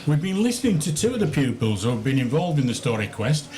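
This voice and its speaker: Talking fast in a fairly high voice, a male radio host conducts a live outdoor interview in a city square, echoing guests' answers and urging them on. Steady outdoor noise runs through the broadcast.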